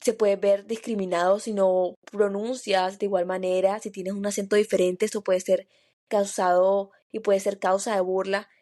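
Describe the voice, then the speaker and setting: A woman's voice: mid-range voice, flat delivery, moderate pace, warm tone. A woman co-hosting a podcast in a casual, earnest chat, sharing her own experiences thoughtfully and restarting phrases as she thinks. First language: Spanish. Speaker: podcast co-host.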